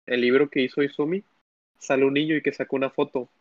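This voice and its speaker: A man's voice: medium pitch, flat delivery, fast, no room sound. A young man, co-hosting a casual podcast, rambling through long recaps with frequent restarts. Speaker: podcast co-host. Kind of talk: casual chat. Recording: dry, dull lo-fi sound.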